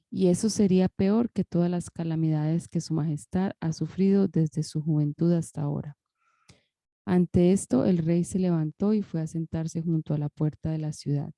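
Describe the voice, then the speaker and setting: A woman reading a Bible passage aloud, careful and measured, sometimes restarting a word. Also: on the low side, mellow, dry recording. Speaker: scripture reader.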